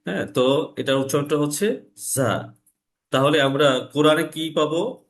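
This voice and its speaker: A man teaching Quran recitation in an online class, explaining letter sounds and repeating them slowly for learners. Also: on the high side, rough recording. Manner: slow, drawn-out recitation. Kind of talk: online lesson, slow and explanatory.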